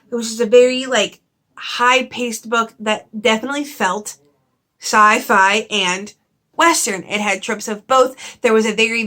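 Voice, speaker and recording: A young woman giving a casual, chatty book review, lively and full of "like" and laughs. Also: fairly high pitch. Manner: chatty and animated, with frequent "like" and laughs.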